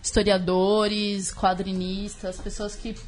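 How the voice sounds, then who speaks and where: A woman's voice: medium pitch, level tone, slow pace, a little hiss or hum. Brazilian woman guest, candid casual chat, swears a bit, got a sore throat. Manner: candid, colloquial, sprinkled with swearing. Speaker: guest, book author. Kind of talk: casual conversational interview.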